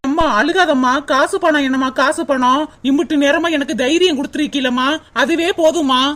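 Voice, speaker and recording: A woman voicing a gentle, emotional young village wife in a cartoon, speaking softly and consolingly. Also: high-pitched, moderate pace. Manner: soft, pleading and consoling. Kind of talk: cartoon voice acting.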